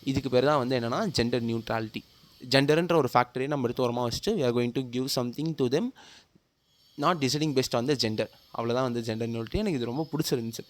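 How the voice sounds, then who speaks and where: A young man with a Tamil accent speaks earnestly to his viewers and often slips into English. His voice sits at a middling pitch, and he keeps putting questions straight to the audience. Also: brisk. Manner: earnest, mixes English into speech, asks viewers direct questions. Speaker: video host. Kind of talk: opinion talk to camera.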